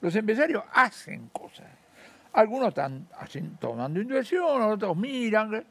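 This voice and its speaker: A man's voice: sits high, very animated, normal speed, fairly bright tone, no echo. An older Argentine man, an economist being interviewed, talking bluntly and animatedly, acting out the voices of the people he quotes. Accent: Argentine Spanish. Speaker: economist guest. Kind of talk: casual interview talk.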